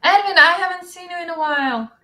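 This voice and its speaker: A woman's voice: very high-pitched, fast talker, sharp tone. Playful teasing woman in a roomy space. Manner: playful, teasing, stumbles over words. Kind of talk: casual chat.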